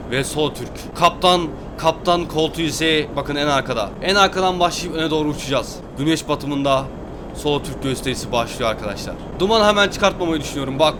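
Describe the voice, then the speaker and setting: Young male gaming host, fast and exclamatory, slightly high voice, loud game noise underneath. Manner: hyped, exclamatory, addresses viewers as friends. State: fasting. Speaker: gaming YouTuber. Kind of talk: excited gameplay commentary.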